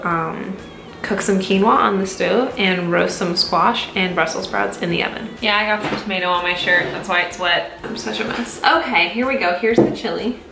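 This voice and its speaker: Woman, 20s, rambling self-mocking vlogger, mid-pitched, echoey kitchen room sound. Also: vocal fry, fairly bright tone, a little hiss or hum. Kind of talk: casual cooking vlog. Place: small home kitchen.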